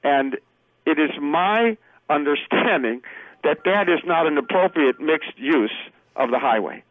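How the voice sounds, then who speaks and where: A man guest on a radio show, speaking over the phone in an earnest, halting way with many fillers. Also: a little high, lively intonation, no room sound, narrow, tinny audio. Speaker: political candidate guest.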